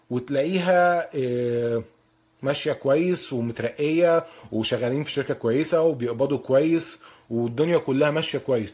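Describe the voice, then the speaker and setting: Male Egyptian instructor, rapid and rough-edged voice, frank informal advice delivery. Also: mid-range voice, a little mellow. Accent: Egyptian Arabic. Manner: blunt, colloquial, repeats points for emphasis. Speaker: accounting certification instructor. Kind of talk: informal advice talk to learners.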